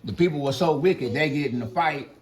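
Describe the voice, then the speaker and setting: A man's voice: fairly high pitch, brisk. Man telling a Bible story to his kids. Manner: animated, slangy retelling with dialogue. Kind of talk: casual storytelling to children.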